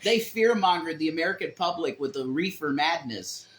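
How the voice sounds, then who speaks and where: Speaking at normal speed in a fairly high voice, this man co-hosts a casual stream, throwing out profane, emphatic banter with lots of energy.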